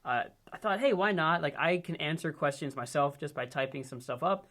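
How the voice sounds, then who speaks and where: A man's voice: on the high side, fairly quick, a bit bright. A man from Ohio hosting a casual chat with friends, upbeat and loose in his talk. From United States, Ohio. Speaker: host. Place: indoors with friends.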